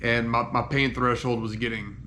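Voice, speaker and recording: A man recording a casual video diary while in pain and on painkillers after surgery, congested with a head cold, speaking haltingly and trailing off. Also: medium pitch, flat delivery, bright, forceful tone, a little hiss or hum. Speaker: patient giving a recovery update.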